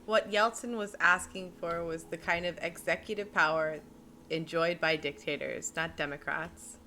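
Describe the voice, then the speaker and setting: A woman's voice: on the low side, fairly even intonation, normal speed, pushed and bright, slight background noise. A woman streamer reading a book aloud, with joking, self-deprecating chat breaking in between passages. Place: home streaming setup.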